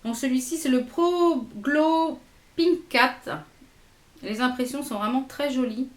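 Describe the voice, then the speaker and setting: A woman's voice: sits high, takes it slowly, roomy sound. A woman vlogger chatting casually and hesitantly through a makeup haul, swatching products as she goes. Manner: chatty, hesitant with many fillers, swatching products on her arm. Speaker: beauty vlogger.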